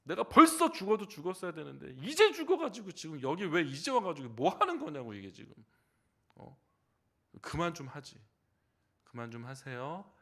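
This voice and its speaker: Male pastor doing a nagging old elder, exasperated, slightly high and animated, told inside a sermon. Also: moderate pace, exaggerated voice. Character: grumbling old male church elder scolding his wife. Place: church sanctuary.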